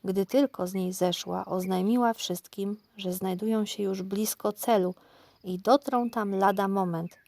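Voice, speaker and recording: A woman narrating a children's audiobook in a calm, clear storytelling voice. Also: mid-range voice, a little slow. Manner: calm, even, clear reading.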